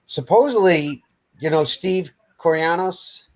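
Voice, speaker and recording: A man's voice: a little high, slow. A man co-hosting a hockey podcast, casually running through draft prospects with small hesitations. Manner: easygoing, listing prospects with hesitations. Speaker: podcast co-host.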